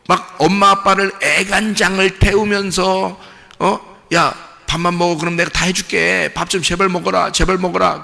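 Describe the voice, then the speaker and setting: A middle-aged man preaching a sermon as senior pastor, folksy and lively, acting out little dialogues and rising to shouts. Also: a little high, gravelly. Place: church sanctuary. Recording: long hall reverb.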